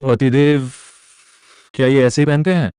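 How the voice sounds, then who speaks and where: A man voicing a shy, naive female ghost bride who talks softly and sweetly. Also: mid-range voice, steady tone, a little slow, clean tone, no room sound, clean studio sound, natural voice. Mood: sweet, innocent.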